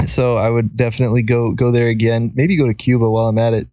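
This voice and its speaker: A man's voice: mid-range voice, little pitch movement, fast, dark tone, no echo. A young man hosting a casual podcast while recording under a blanket, rambling and giggling as he talks. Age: young adult. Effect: muffled, recording under a blanket. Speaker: podcast host.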